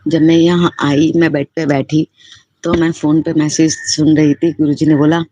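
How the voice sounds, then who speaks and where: A woman's voice: low voice, little pitch movement, normal speed, warm tone, a little hiss or hum. A woman giving a personal devotional testimony, speaking in a heartfelt, repetitive and fervently grateful way. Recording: slightly muffled lo-fi recording.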